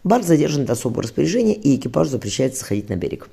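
A man's voice: mid-range voice, sing-song, rapid-fire, gravelly, dark tone, husky, voice pushed up, heavily acted. A man reading a cold, stern official giving dry, patient commands in a spoken storybook. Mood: commanding.

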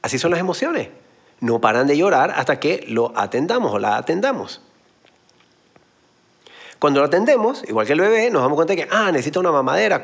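A man gives a motivational talk in a husky, slightly rough voice. His pitch swings widely and keeps the delivery lively. He explains his points through everyday analogies and blunt slang. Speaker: motivational speaker.

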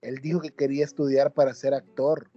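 A woman hosting the show, talking in a relaxed, chatty way and laughing easily. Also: very deep voice, a little fast, muffled recording, soft background music. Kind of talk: casual chat.

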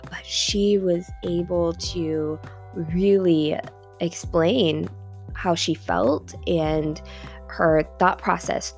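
A woman's voice: mid-range voice, a bit bright. A woman hosting a casual podcast, chatty and giggly with plenty of ums. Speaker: podcast host.

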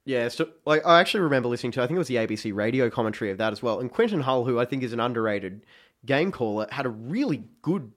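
A man, chatting casually about football and retelling a match with animated excitement. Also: mid-range voice, racing.

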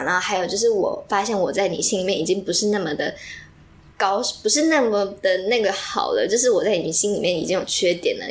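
A young woman, chatting casually and telling animated stories full of fillers. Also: medium pitch. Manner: animated storyteller, heavy use of fillers. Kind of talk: casual chat.

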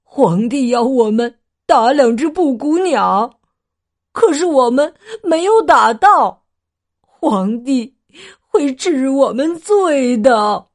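A woman's voice: high voice, expressive, takes it slowly, voice pushed up, heavily acted. A woman voicing two frightened male hunters in a storybook reading, sounding worried and pleading.

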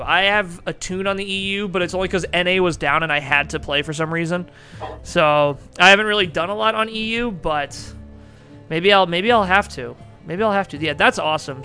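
A man's voice: high voice, pushed and bright. A young man hosting a podcast in casual chat, rambling, laughing often and swearing casually. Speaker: podcast host.

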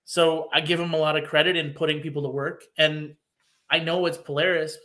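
A man from Wisconsin talks as a podcast guest. His voice sits a touch high, and he explains things earnestly and at length, often restarting his sentences. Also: flat delivery, brisk, bright, forceful tone. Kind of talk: casual podcast chat.

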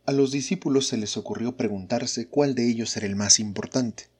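Husky-voiced man reading scripture. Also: medium pitch, darkish tone. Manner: slow, measured, solemn. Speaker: scripture reader.

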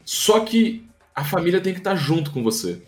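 A Brazilian man hosting an easygoing interview, his voice sitting a little high. He talks in a reflective, emphatic way and drops casual slang as he goes. Faint music plays beneath him. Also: big pitch swings, normal speed. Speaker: podcast host.

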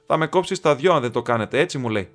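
A man's voice: mid-range voice, lively intonation, faint music behind, lightly acted. A man reading an audiobook, voicing a terrified young male hobbit who pleads in strained cries. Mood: terrified pleading.

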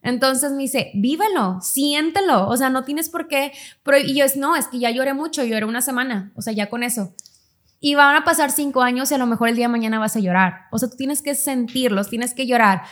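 Chatty woman telling a story. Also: fairly bright tone. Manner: storytelling, acts out quoted dialogue in quick higher tones. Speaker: podcast co-host. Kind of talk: casual chat.

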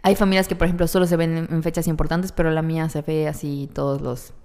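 Woman, Yucatecan accent, podcast co-host, relaxed, lowish pitch, reverb. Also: quick pace. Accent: Yucatecan Spanish. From Mérida, Mexico. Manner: relaxed storyteller, laughs often. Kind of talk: casual podcast chat.

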